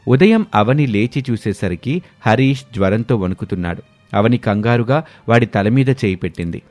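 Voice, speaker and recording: A man narrating a moral storybook in a steady, expressive way. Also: lowish voice, moderate pace, dry recording.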